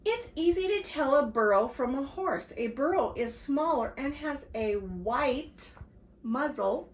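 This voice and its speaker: A woman's voice: high voice, expressive, measured pace, pitched above the performer's own voice. A woman reading a storybook aloud and voicing the patient mother of the family on a desert hike. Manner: patient, explaining. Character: a mom on a desert hike, explaining. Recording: roomy echo, faint background hiss.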